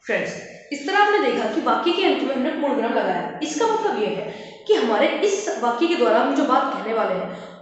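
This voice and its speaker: A woman teaching a grammar lesson who keeps calling her viewers "friends" and explains each point slowly with examples. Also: sits high. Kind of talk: classroom-style grammar lesson. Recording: echoey, dull lo-fi room recording.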